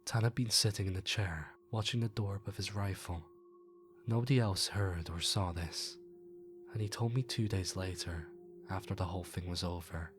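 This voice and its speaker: A man narrating a horror story aloud in a slow, measured way, sometimes dropping into hushed tones. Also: low voice, soft background music.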